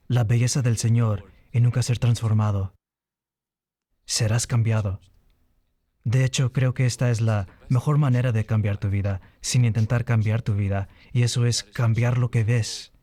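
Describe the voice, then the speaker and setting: A man delivering a sermon with a mellow, warm tone and a middling pitch. He teaches in an earnest way, lifting his voice when he stresses a point. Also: no echo. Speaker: preacher.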